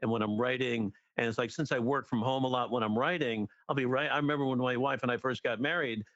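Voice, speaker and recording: A middle-aged man, a guest comedy writer and teacher, in casual podcast chat, lively and acting out jokes as he explains them. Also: medium pitch, quick pace, no echo, highs cut off. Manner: animated, acts out jokes and quotes.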